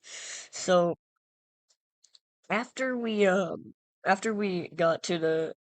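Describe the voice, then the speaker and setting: A woman's voice: lowish voice, very slow, no room sound. A woman casually telling a funny anecdote, rambling and self-interrupting with lots of fillers and playful self-mockery. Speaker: storyteller.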